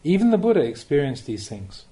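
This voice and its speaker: In this audiobook, a male Buddhist monk delivers a scripted spiritual teaching with slow, careful phrasing and rhetorical questions. His voice sits a little high, sounds very animated, and has a dark tone.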